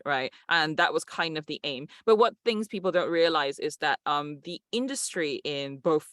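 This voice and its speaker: A man's voice: on the high side, bright, forceful tone, no echo, studio quality. A man, a game producer answering interview questions in an articulate, explanatory way. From Malaysia.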